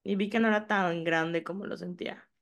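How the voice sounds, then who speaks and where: A woman's voice: fairly low pitch, fairly even intonation, fairly quick, fairly bright tone. A woman with a Mexican accent, a psychologist co-hosting a podcast, talking in a playful, confiding way. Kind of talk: casual chat.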